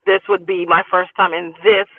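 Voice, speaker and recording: A woman's voice: fairly low pitch, level tone, moderate pace, distant mic. A woman, an education director, introducing herself at a meeting by car speakerphone while driving, sounding apologetic. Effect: car speakerphone call. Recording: tinny phone line from a car.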